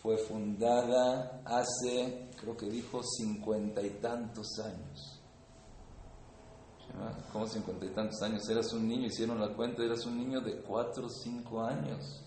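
A man leads a religious class and carries it through stories, leaning hard on repeated words and jumping between quiet and loud stretches. His voice sits at a middling pitch. It rings out in a roomy space with faint ambience underneath. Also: little pitch movement, unhurried, slight background noise. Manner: emphatic, repeats words for effect, loudness swings. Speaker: rabbi teaching a class. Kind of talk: Torah lesson with storytelling.

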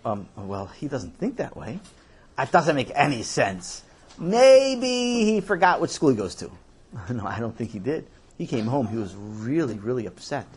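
A man voicing a soft-spoken, worried father who talks quietly and hesitantly in a children's audio story. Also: medium pitch, sing-song, a little slow, slightly rough, heavily acted. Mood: subdued.

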